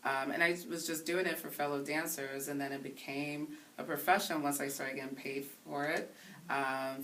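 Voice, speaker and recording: Born in Haiti and raised in the Bronx, a woman DJ in her 30s talks in a casual interview with an unusually deep, fairly bright voice. Reflective and earnest, she stops to search for words, recorded somewhat distant from the mic with light hiss.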